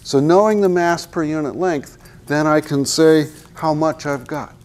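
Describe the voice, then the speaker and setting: In a large hall, a man in his sixties delivers a university physics lecture through a lapel mic, joking and tossing rhetorical questions at the class as he walks to the chalkboard and points at it. His voice is on the high side and darkish, with a measured pace.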